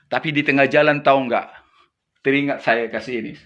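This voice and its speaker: A man's voice: medium pitch, steady tone, fairly quick, a bit bright, muffled recording. A man who is a missionary pastor. He tells stories in a casual chat, laughs often and acts out what people said. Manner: chatty, laughs often, acts out quoted speech.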